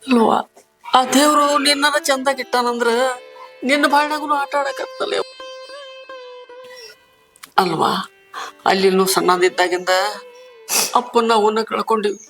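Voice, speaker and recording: Guy playing worried big brother, north karnataka kannada accent, keeps pleading, soft music under. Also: extremely high pitch, steady tone, unhurried, long pauses, exaggerated voice. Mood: anxious. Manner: earnest and pleading, repeated questions. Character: caring older brother, poor laborer. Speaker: actor in a short film. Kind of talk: village family drama acting.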